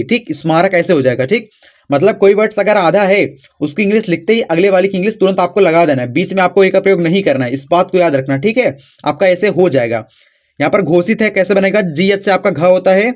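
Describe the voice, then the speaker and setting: A man teaching children a step-by-step spelling lesson, patiently repeating rules and checking in often. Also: high-pitched. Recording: dull lo-fi sound.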